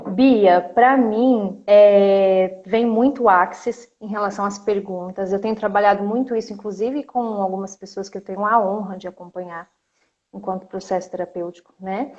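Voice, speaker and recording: A woman's voice: mid-range voice, steady tone, normal speed, darkish tone, highs cut off. A woman psychotherapist hosting a casual live chat, speaking in a reflective, affirming way.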